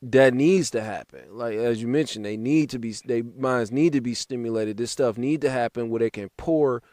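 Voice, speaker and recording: A man hosts a casual podcast conversation in a loose, slangy style and is quick to laugh. His voice sits at an ordinary pitch and is recorded close and dry, with no room around it. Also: dry recording. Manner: relaxed slangy banter, laughs easily. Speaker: podcast host. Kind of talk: casual chat.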